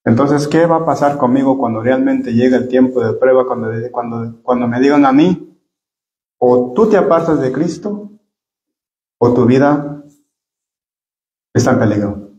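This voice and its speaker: A man's voice: mid-range voice, measured pace, long pauses, mellow, lo-fi sound. A man leading a church Bible study sermon, earnestly addressing his listeners as brothers and often repeating words as he searches for phrasing.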